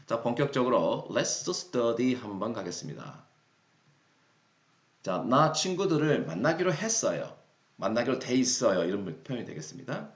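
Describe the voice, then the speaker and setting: A Korean man teaching English phrases, reading each example sentence slowly and deliberately. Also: mid-range voice, sing-song. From South Korea. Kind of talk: explaining English phrases in a lesson. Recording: roomy, dull lo-fi sound.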